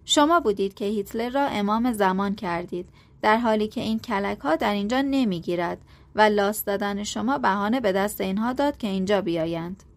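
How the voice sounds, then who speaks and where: A woman's voice: medium pitch, close to an everyday voice. A woman reading the part of an outspoken man who questions others with pointed sarcasm. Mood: calm, reproachful. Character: outspoken middle-aged man, blunt, scornful.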